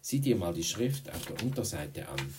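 A man voicing a cocky sixth-grade boy in an audiobook, talking boastfully and briskly. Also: low-pitched, very animated, recorded from a distance, noisy background. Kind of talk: audiobook reading.

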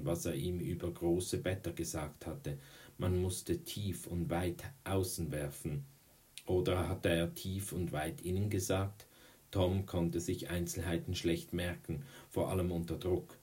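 A man's voice: deep voice, mellow. A man reading a children's novel aloud, often slipping and correcting himself. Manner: frequent slips and self-corrections. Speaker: reader.

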